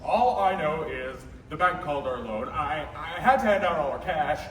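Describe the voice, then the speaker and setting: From far off in an echoey space, a young man acts a flustered older uncle. He stammers fearfully in a fairly high voice, stage radio-play style. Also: lively intonation, moderate pace, crowd noise, close to an everyday voice. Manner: hesitant, stammering. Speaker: high school stage actor. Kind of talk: theatrical radio play acting. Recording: echoey, distant, faint noise.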